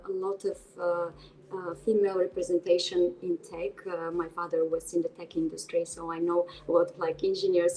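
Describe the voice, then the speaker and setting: A woman's voice: on the low side, mellow, slight background noise, low-quality recording. A woman from Bulgaria being interviewed over a video call, speaking earnestly with frequent hesitations and restarts. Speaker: interview guest, board member.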